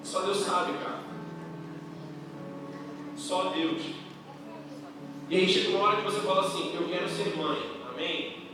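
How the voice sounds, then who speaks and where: A young Brazilian man preaching a youth service sermon in slangy, casual speech that builds to loud, impassioned delivery. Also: high-pitched, fairly even intonation, a little slow, pauses often, noisy background. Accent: Brazilian Portuguese. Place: church hall. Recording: roomy church hall from far off, music behind.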